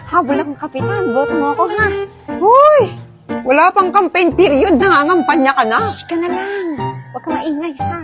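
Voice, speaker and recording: Very high-voiced woman, lively bickering skit, music behind. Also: fairly quick. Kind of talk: acted comedy skit.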